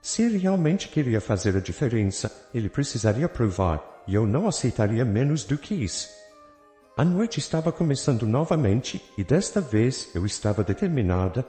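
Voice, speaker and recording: Narrador masculino de história, voz suave e grave, lê com entonação bem variada em sala com eco e violão ao fundo. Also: male voice, mid-range voice, very animated, moderate pace. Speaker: storyteller. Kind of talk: scripted first-person narration. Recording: roomy reverb with soft guitar music. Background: soft guitar music.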